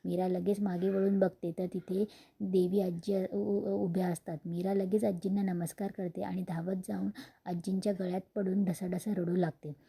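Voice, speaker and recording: A woman retelling a TV serial episode in a steady storytelling manner, with small restarts. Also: fairly low pitch, normal speed, gravelly, husky.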